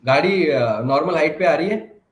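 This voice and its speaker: A man's voice: fairly high pitch, lively intonation, normal speed, roomy sound. Confident man teaching car diagnostics. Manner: confident, reassuring, instructive. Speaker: automotive diagnostics trainer. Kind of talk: live online training Q&A.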